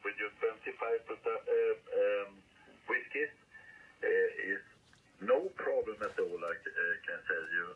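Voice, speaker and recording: A Swedish-accented man comes through a shortwave radio receiver, the sound thin and tinny like a telephone line. He talks slowly in a husky voice. His manner is halting and friendly, with lots of pauses and fillers. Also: fairly low pitch. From Sweden. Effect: heard through a shortwave radio receiver. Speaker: amateur radio operator. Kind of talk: radio contact chat.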